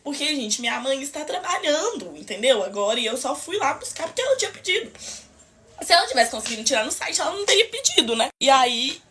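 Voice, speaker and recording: A woman's voice: sits high, big pitch swings, a little fast, a bit bright, slight background noise. A young Brazilian woman telling a story to the camera in an emphatic, indignant way, swearing to her viewers and addressing them directly. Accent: Brazilian Portuguese. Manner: emphatic, indignant retelling with oaths and asides to viewers. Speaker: storyteller in a clip. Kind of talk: emotional storytime vlog.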